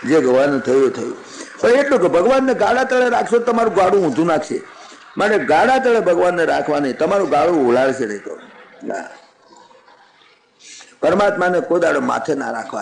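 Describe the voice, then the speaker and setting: A man giving a devotional sermon, telling a scripture story in a lively, folksy way with chuckling asides. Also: mid-range voice, creaky, roomy sound, rough recording.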